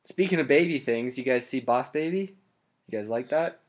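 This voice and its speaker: A young man hosts a loose podcast chat and spins absurd claims with a straight face. He keeps laughing at his own jokes. His voice sits at an ordinary middle pitch. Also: normal speed. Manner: deadpan absurd riffing, laughs often. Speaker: podcast host. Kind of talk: joking casual chat.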